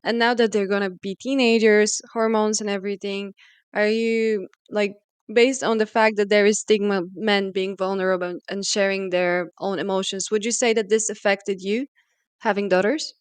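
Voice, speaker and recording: A woman's voice: mid-range voice, flat delivery, moderate pace, smooth, no echo. A woman hosting a podcast, asking curious, thoughtful questions with some hesitations. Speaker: podcast host. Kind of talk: interviewing.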